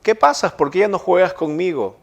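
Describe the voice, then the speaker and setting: A man voicing a gentle, generous old apple tree that speaks tenderly and pleadingly in a sermon story. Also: high-pitched, fairly quick, creaky.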